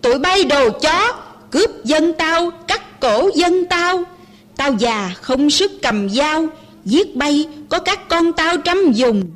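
A woman voicing a defiant old peasant mother who shouts back at soldiers, declaiming in verse. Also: sits high, animated, slow. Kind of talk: poetry recitation.

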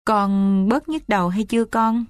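A woman voicing a worried, gentle older mother who coaxes softly. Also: mid-range voice, unhurried, dry recording, studio quality, lightly acted. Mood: coaxing. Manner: soft, coaxing.

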